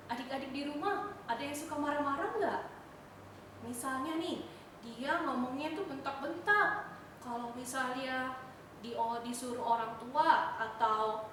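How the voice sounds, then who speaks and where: A young woman leading a Sunday school lesson for children, talking in an animated, sing-song way. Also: sits high, very echoey, recorded from a distance, a little hiss or hum, rough recording. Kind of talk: children's sermon.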